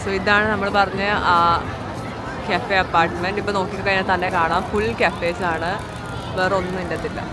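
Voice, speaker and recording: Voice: medium pitch, little pitch movement, fairly quick, a loud crowd. A Malayali travel vlogger chatting casually to viewers, switching between Malayalam and English. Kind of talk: travel vlog narration, casual chat. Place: busy city streets and a cafe. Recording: noisy outdoor city traffic behind.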